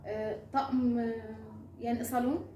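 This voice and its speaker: A woman's voice: on the high side, level tone, normal speed, warm tone, dull audio. A woman from Egypt with an Egyptian Arabic accent, chatting casually as she co-hosts a dialect word comparison. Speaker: video co-host in a dialect comparison. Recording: roomy echo, clear background noise.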